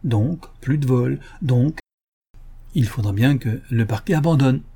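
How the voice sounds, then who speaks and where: Un cambrioleur gentleman, raffiné et moqueur, lu par un homme, dans un livre audio. Il parle avec ironie et une assurance tranquille, d'une voix douce et un peu voilée. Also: mid-range voice, unhurried, gravelly, breathy edge. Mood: amused. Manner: ironic, playful and self-assured. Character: suave, mocking male gentleman burglar.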